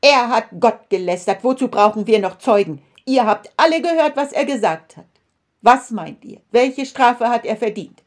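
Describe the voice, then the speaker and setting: A woman voicing a stern, solemn male high priest in a children's Bible story, speaking with commanding, accusing force. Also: normal speed, a little mellow, lightly acted. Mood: outraged.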